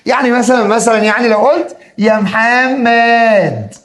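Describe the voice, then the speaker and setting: A man's voice: very high-pitched, lively intonation, normal speed, fairly bright tone. A man with an Egyptian accent teaching Arabic grammar, drilling rules over and over and acting out his students' questions. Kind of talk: classroom grammar lesson.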